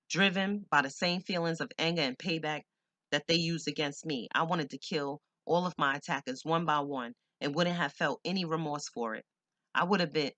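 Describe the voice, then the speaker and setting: A man's voice: a little high, bright, forceful tone, no echo. A man reading a first-person memoir audiobook in a blunt, streetwise, profane way. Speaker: audiobook narrator.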